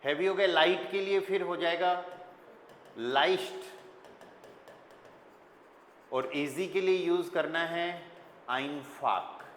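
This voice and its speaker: A German teacher with an Indian accent quizzes his class and spells words out letter by letter, his fairly high, slightly bright voice moving slowly with frequent pauses. The classroom is echoey, with long reverb and faint room noise.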